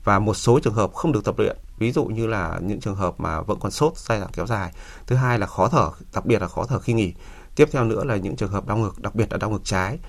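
A man's voice: on the low side, fairly quick, gravelly. A man speaking as an expert doctor, explaining health advice step by step with hesitant starts.

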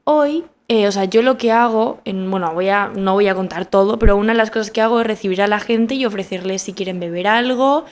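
A young woman with a Spain Spanish accent talks through a personal story on her podcast. Her voice sits at an ordinary middle pitch and she stresses points by repeating words. Her delivery is casual and expressive. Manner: animated, emphatic repetitions. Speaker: podcast host.

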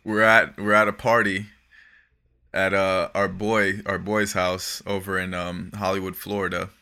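A man's voice: sits low, level tone, unhurried, sharp tone, smooth. A man telling profane stories to friends in casual chat, laughing often. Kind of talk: casual storytelling among friends.

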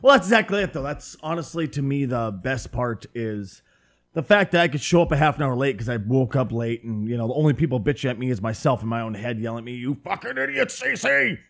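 Ein Mann mit nördlichem Minnesota-Akzent, der locker, derb und scherzend einen Podcast moderiert. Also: male voice, medium pitch, animated, quick pace. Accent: Northern Minnesota. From northern Minnesota. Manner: loose, profane and joking. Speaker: podcast host and streamer. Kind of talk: casual podcast chat. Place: home room with window open.

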